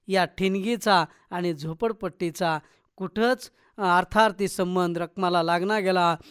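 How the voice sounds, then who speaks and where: A man's voice: sits high, a bit bright, clear, resonant tone. A man who is a college principal, reading his own short story aloud on radio with dramatic expression.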